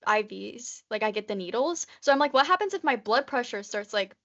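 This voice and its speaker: The recording is muffled as this woman in her twenties co-hosts a podcast, her voice on the high side, animated, brisk, and fairly bright. Her casual talk is nervous, rambling chatter full of "like."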